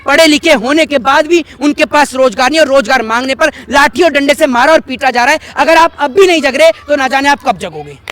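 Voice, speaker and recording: A man's voice: very high-pitched, fairly quick, few pauses, fairly bright tone. A young man speaking heatedly in a street interview, firing rhetorical questions and repeating them for emphasis. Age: young adult.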